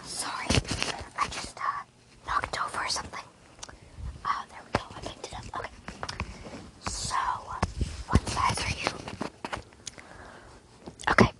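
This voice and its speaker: Whispered role-play, girl doing a chatty shop assistant selling clothes, slow soft whisper, crisp bright tone. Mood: helpful. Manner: soft whispering with casual fillers. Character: friendly female clothing store salesperson.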